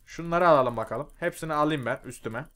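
A young man giving loud, excitable gameplay commentary, swearing and yelling at the mobs on screen. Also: fairly high pitch, fast, very noisy. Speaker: gaming YouTuber. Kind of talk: Minecraft mod review commentary.

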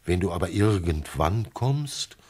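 A man voicing a wise, gentle male fox with a husky voice, speaking in a lively, heartfelt way in a classic radio play. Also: deep voice, a little slow, exaggerated voice. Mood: pleading, tender. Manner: lively, pleading, heartfelt delivery.

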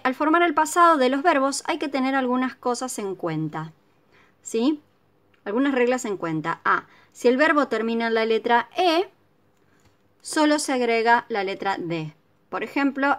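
A woman explaining an English lesson patiently, often checking in with her students. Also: a little high. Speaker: English teacher. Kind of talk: recorded video lesson.

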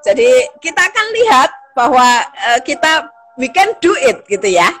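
A woman's voice: sits high, very animated, moderate pace, fairly bright tone. A middle-aged woman, a lecturer hosting a casual live-stream chat, encouraging and chatty, with frequent fillers and small laughs.

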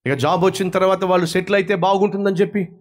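A man's voice: sits high, little pitch movement, very fast. A man from India preaching a sermon, acting out quarrels between young people and their parents in different voices. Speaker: pastor.

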